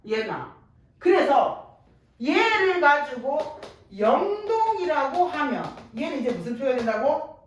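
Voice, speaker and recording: A woman with a lilt lectures to a class, her fairly high voice swinging up and down with lively energy as she keeps quizzing her listeners. She is heard from some way off in a strongly echoing room, with faint noise underneath. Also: measured pace, far from the mic. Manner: lively, checks understanding constantly with rhetorical questions. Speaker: Korean language teacher.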